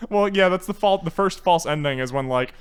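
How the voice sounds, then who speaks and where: A man's voice: sits high, fairly quick, clean tone. A man in a casual podcast chat, animatedly retelling a movie plot and laughing often. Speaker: podcast co-host.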